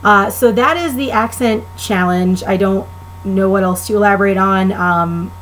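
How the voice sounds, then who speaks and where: A woman's voice: mid-range voice, moderate pace, fairly bright tone, a little hiss or hum, rough recording. A woman in her twenties with a Long Island New York accent, chatting casually and opinionated in a vlog, with frequent ums. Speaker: vlogger. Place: living in the Midwest.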